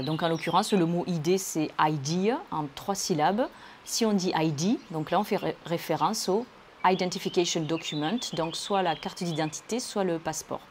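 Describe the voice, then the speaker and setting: A woman's voice: on the low side, darkish tone, slight background noise. A woman teaching English, explaining words and pronunciation carefully, one point at a time. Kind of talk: language lesson explanation.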